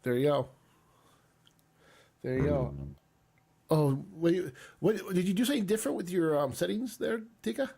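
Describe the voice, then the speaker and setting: A man's voice: high-pitched, expressive, moderate pace, creaky, pauses often, warm tone, breathy edge. A man chatting casually with friends on a voice call, easygoing and rambling, with many fillers. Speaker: streamer hosting a chat. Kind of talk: casual chat.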